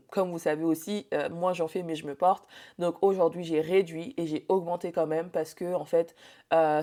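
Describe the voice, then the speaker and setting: A woman's voice: fairly low pitch, darkish tone. A young woman, a bridal hair and makeup artist, teaching business in a chatty talk full of fillers and restarts. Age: young adult. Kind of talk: casual spoken training talk.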